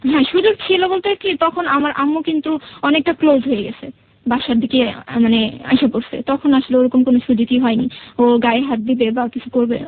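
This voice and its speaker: As an interview guest on radio, a Bangladeshi-accented woman describes her personal experience in a high, steady voice at a fairly quick pace. Hesitation and repetition mark her explanations, and the recording sounds narrow and tinny.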